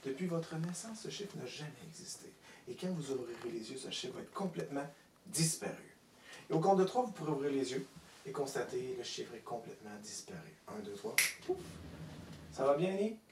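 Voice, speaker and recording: A man working as a stage hypnotist, giving slow repeated suggestions and hushing sounds. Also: mid-range voice, very animated, slight background noise. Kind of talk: hypnosis demonstration. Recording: echoey room, distant mic.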